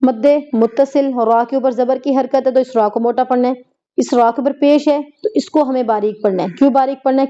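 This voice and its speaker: A woman teaching Quran recitation, reciting verses slowly and then explaining each rule, repeating words for practice. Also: high voice, warm tone, dull audio. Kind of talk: tajweed lesson, slow recitation with explanations.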